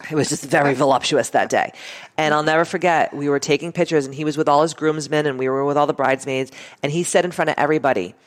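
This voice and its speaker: A woman's voice: sits low, fast. A woman guest in a casual interview, telling stories bluntly, swearing freely and acting out what people said. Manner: animated, blunt, swears freely, acts out quotes. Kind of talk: casual storytelling chat.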